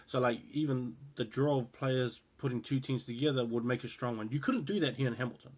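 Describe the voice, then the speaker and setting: Fairly quick and a little mellow, the medium-pitched voice belongs to a rugby show host, a man in his thirties with a New Zealand accent. He speaks casually to the camera, giving opinions in a rambling way with frequent fillers and restarts.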